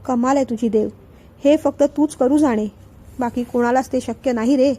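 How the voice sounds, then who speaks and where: A woman's voice: high voice, normal speed, warm tone. Woman reading as an admiring older man.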